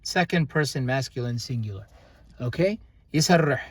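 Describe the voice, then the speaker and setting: This young man's grammar lesson comes in a mid-range voice with lively intonation and no echo. He speaks unhurriedly and haltingly, leaning on many fillers and restarts.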